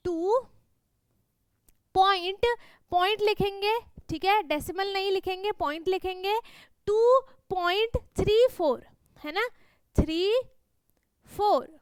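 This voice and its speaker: Lady teacher going over maths homework, real high voice, keeps checking the kids are following, dry close sound. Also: fairly bright tone, no room sound. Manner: patient, repeats "thik hai?" and "hai na?" to check understanding. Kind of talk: explaining a worksheet to children.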